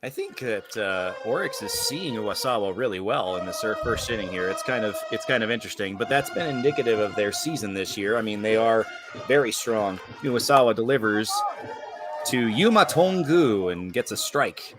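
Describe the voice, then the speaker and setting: A man's voice: lowish voice, lively intonation, moderate pace, over music. A man giving live play-by-play commentary on a baseball game.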